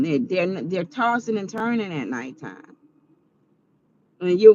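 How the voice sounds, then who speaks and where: Woman, 40s, vlogger; earnest and preachy, medium pitch, muffled lo-fi sound. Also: a bit bright. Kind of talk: casual advice monologue.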